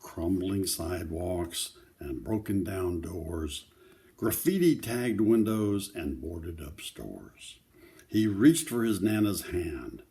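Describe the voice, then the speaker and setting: Here an older man with a low, warm voice reads slowly to children, his intonation lively. He adds plain, informal comments along the way to explain the book's pictures.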